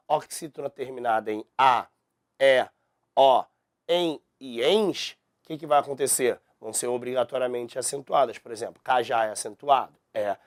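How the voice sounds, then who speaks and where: A man's voice: a little high, dry recording. A man teaches grammar with a slightly raised voice. He keeps firing questions at his class and answers each one himself. The sound is close and dry, with no room around it. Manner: lively, asks the class questions and answers them. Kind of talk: grammar lesson to camera.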